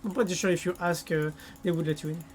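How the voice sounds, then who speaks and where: A woman's voice: fairly low pitch, steady tone, fast talker. A woman with a French accent chatting casually with viewers while playing a game on a live stream. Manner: chatty, answers viewers' chat.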